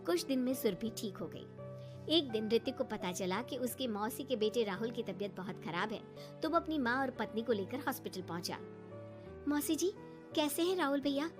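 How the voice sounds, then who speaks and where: A woman telling an animated story as scripted narration, in a steady storytelling way. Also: a little high, fairly quick, music in the background.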